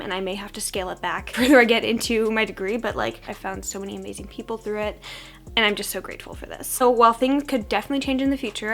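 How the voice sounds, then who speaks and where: With a froggy voice that suggests she is a little sick with a cold-like hoarseness, a young adult woman chats in a casual beauty-vlogger style. She talks informally and self-deprecatingly, as if getting ready alongside friends. Her pitch is medium and her tone fairly bright.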